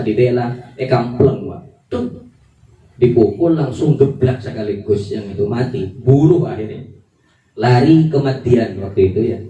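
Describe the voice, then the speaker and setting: Male preacher, informal question-and-answer delivery, mid pitch, distant mic with faint ambience. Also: mellow, reverberant, slight background noise. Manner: chatty, informal, asks and answers own questions. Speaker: Islamic preacher. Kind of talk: casual sermon.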